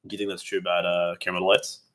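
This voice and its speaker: A man co-hosting a podcast, chatting casually in a quick, laid-back, joking way. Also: sits low, flat delivery, a bit bright. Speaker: podcast co-host. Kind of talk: casual chat.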